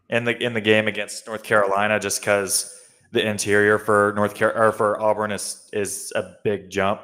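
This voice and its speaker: A man with a fairly low voice gives casual basketball analysis on a talk show. He is chatty and thinks aloud, restarting his sentences and leaning on fillers. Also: fairly bright tone.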